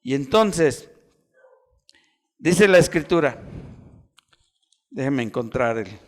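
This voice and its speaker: A man preaching a sermon as pastor, acting out voices and swinging from loud cries to near whispers. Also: on the high side, expressive, slow.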